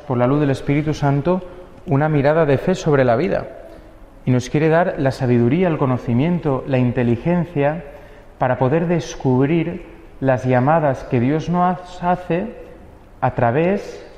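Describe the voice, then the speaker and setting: Earnest priest preaching in an echoey church. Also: male voice, medium pitch, a little slow, dark tone, highs cut off. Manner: earnest, with spoken fillers and rhetorical questions. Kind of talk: homily.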